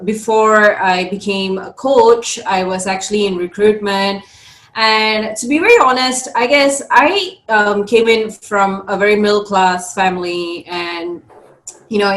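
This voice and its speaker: A woman's voice: mid-range voice, reverberant, rough recording. A young woman from Singapore, a career coach talking as a podcast guest, thoughtful and full of fillers. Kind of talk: conversational interview.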